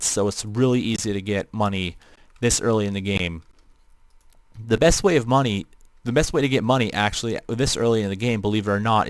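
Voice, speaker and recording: In a dry recording with a clean tone, a young man with a Midwestern accent casually rambles through live-stream commentary while gaming. His voice runs lowish, and he chats freely with viewers.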